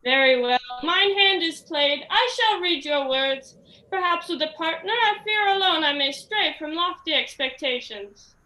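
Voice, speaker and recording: A pompous, melodramatic young Romeo acted by a young woman declaims in mock-Shakespearean style. The voice is extremely high and piercingly bright. It rings in an echoey stage space, full of lovesick, easily wounded grandeur. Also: lively intonation, measured pace, exaggerated voice. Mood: grudging. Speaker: student actor in a stage play. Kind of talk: live stage comedy acting in mock-Shakespearean English.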